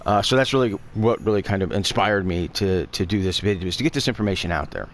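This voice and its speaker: A gaming guide creator with an allergy-stuffed voice narrates a casual game tutorial, rambling with lots of fillers and self-corrections. His pitch is fairly low, his delivery animated and quick, and a little hiss or hum is audible.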